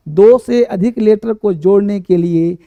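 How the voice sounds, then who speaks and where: A man's voice: sits high, a little slow, no room sound, highs cut off. A man teaching English spelling for exams, chanting letters over and over and quizzing his students. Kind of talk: exam-prep spelling lesson.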